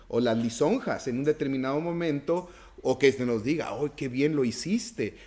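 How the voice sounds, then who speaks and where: A man's voice: a little high, darkish tone. A man preaching a conversational sermon as pastor, often asking for agreement and building up to emphatic passages.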